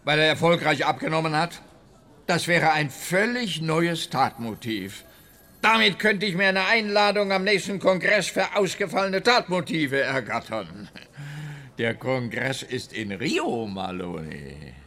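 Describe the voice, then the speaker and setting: An actor playing an officious, slightly scatterbrained police officer in a radio crime drama, speaking with comic earnestness. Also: male voice, on the high side, lively intonation, a little slow, pushed and bright, heavily acted. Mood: comically eager.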